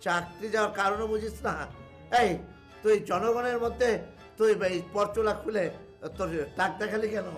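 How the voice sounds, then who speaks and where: A man's voice: sits high, steady tone, moderate pace, faint music behind. An actor playing a blustering male office boss in a comic TV drama, cursing his staff and moaning that he is ill. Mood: scolding. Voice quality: loud, abusive, moaning.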